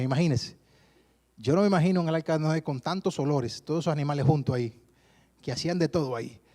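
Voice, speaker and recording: A man from the Dominican Republic with a Dominican accent, preaching a sermon to a church congregation and telling stories lively, often calling listeners brother. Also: fairly high pitch. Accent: Dominican Spanish. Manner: lively storytelling, keeps addressing listeners as brother. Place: church service before a congregation.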